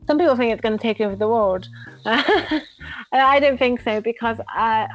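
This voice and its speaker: A woman with a non-native English accent guests on a casual interview about UX writing, laughing often and acting out little exchanges with plenty of animation. Her voice is on the high side, and the recording sounds muffled.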